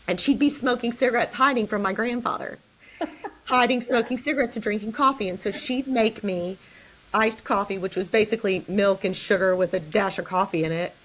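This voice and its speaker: A woman's voice: medium pitch, fairly quick, fairly bright tone, rough recording. A woman co-hosting a podcast, telling personal stories in a reflective, casual way. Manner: reflective, storytelling, with restarts. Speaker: podcast co-host.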